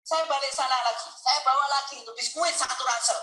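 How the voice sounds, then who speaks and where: A man preaching a sermon, telling a story with deep emotion and speaking straight to his listeners. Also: fairly quick, sharp tone, roomy sound, low-quality recording. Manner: emotional, earnest storytelling, addresses listeners directly. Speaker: Islamic preacher. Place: mosque hall.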